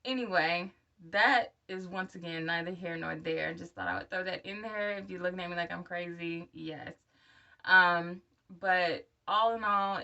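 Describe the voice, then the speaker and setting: A woman's voice: fairly low pitch, pushed and bright, dull audio. A woman in her thirties who is a new denture wearer, talking candidly and encouragingly to viewers in a casual personal video update. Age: 30s. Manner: candid, encouraging direct address. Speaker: vlogger. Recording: voice somewhat far from the mic.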